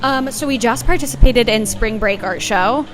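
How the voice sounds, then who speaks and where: A woman's voice: a little high, moderate pace. A woman who founded a gallery explaining her booth in an organized way during an interview at an art fair. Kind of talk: casual interview. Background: loud music.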